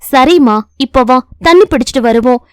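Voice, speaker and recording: A warm, motherly village woman in her thirties, as a woman puts her on for a storybook reading. Her voice sits lower and softer, soothing and patient, with a steady firmness underneath. The sound is close and dry, with no room in it. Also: normal speed, clean tone, dry recording, lightly acted. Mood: gentle. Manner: gentle and soothing, firm with others.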